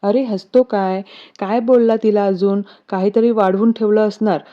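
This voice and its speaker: A woman voicing a middle-aged mother who scolds her son with rapid questions, on a dull lo-fi recording. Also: medium pitch, fairly even intonation, natural voice. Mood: scolding.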